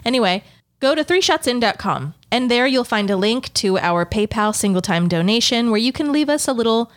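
A woman's voice: on the high side, animated, a little fast. A woman co-hosting a podcast, teasing in a dry, matter-of-fact way. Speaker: podcast co-host. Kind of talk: casual podcast banter.

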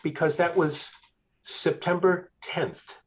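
A man, a guest author, telling a story in a casual interview, with animated emphasis. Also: on the high side, slow pace, slight background noise.

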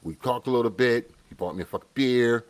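A man's voice: mid-range voice, fairly quick. A middle-aged man chatting and telling stories casually, streetwise and profane, often checking that listeners follow. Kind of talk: casual chat, storytelling.

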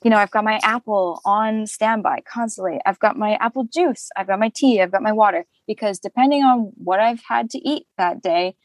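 Woman, young adult, voice actor, chatty, laughs often, mid pitch, dry room. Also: normal speed, hardly any pauses, dry recording. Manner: chatty, animated, laughs often, many fillers. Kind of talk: casual interview chat.

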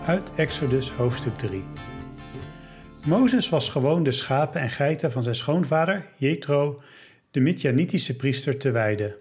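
A man reading a Bible passage aloud in a clear, steady manner. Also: medium pitch, a little slow, soft background music. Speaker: scripture reader. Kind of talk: scripture reading.

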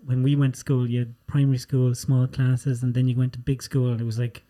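A man's voice: medium pitch, flat delivery, fairly quick, warm tone. A man with an Irish accent hosting a podcast in a casual, colloquial interview style. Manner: informal, sweary, colloquial. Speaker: podcast host.

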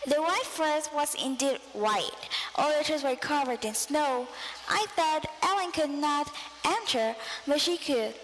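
High-voiced, unhurried woman storyteller. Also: lively intonation, a bit bright. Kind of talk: dramatic first-person story narration. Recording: long reverb, faint background noise.

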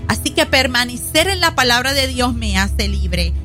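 Earnest woman pastor in her forties, crisp bright voice over faint music. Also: on the high side, lively intonation, moderate pace. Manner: earnest preaching tone, addresses audience directly.

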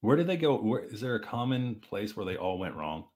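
A man co-hosting a podcast, chatting casually about sports with lively restarts. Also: lowish voice. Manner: animated, fast back-and-forth with restarts. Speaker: podcast co-host.

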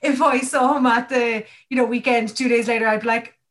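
A woman's voice: on the high side, fairly even intonation, brisk, fairly bright tone. An Irish-accented woman hosting a casual chat, effusive and informal, often restarting her sentences as she goes. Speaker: podcast host.

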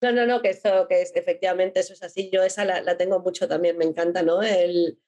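A woman's voice: on the low side, steady tone, quick pace, warm tone, dull audio. A middle-aged woman in a casual conversation, explaining ideas through examples and briefly voicing an inner critical voice. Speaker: guest speaker.

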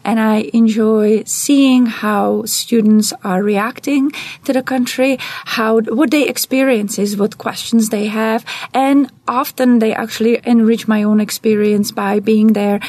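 A middle-aged Czech woman with a Czech accent, a director of global programs, appears as a podcast guest and answers interview questions enthusiastically in long, flowing replies. Her voice is a little high with a darkish tone, in a dry recording.

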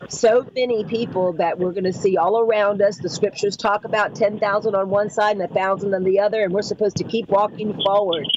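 A woman talking as a call-in guest over a choppy connection that keeps breaking up, giving an urgent, preachy warning and often halting to repeat words. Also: mid-range voice, steady tone, darkish tone. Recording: lo-fi breaking-up call line with noise.

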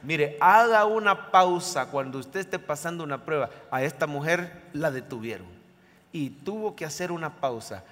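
A man's voice: fairly high pitch, animated, normal speed, fairly bright tone. A man preaching an emphatic live sermon as pastor, leading the congregation to repeat phrases after him. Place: church service, recorded live. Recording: long church hall reverb.

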